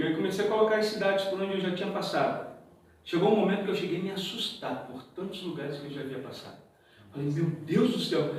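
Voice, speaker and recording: A man with a Brazilian accent giving a testimony to a church congregation, telling his story in a lively way and acting out the dialogue. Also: a little high. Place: church hall. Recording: very echoey hall, mic far off.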